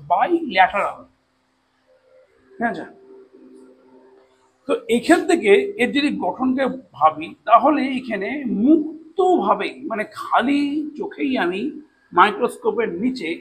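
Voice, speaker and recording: A man teaching a classroom biology lesson, slowly spelling out long terms and often checking that students follow. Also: very high-pitched, big pitch swings, a little hiss or hum, low-quality recording. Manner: slow deliberate spelling out of terms, frequent check-ins. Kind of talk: classroom lecture.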